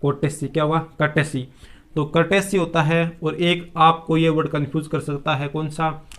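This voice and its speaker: A man runs a vocabulary lesson at a steady teaching pace. He keeps asking questions aloud and then answers them himself, and he mixes English words into his explanations. His voice sits a little high for a man. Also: moderate pace. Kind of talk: classroom-style vocabulary lesson.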